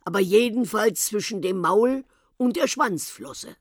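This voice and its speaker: A woman voicing a large, polite whale in a storybook reading, speaking slowly and courteously. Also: medium pitch, lively intonation, dry recording, clean studio sound, pitched above the performer's own voice. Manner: slow and courteous. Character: polite, slow-speaking big light-blue whale.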